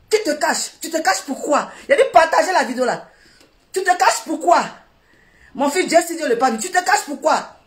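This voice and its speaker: A woman, shouting and mocking through an insult-laden livestream rant. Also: high-pitched. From Ivory Coast. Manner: shouting, mocking, laughing taunts.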